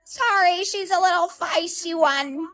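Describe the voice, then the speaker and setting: A woman putting on a doting old lady neighbor in a comedy skit, calling everyone honey and love. The voice sits extremely high and thin, pinched up into a fluttery granny register. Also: a little slow, fairly bright tone. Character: sweet elderly woman neighbor with a dog.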